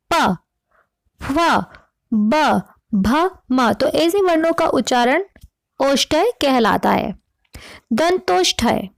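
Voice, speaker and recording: Woman, teacher, demonstrating sounds one by one, slow delivery, dry recording. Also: high voice, dry recording. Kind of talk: explaining to students.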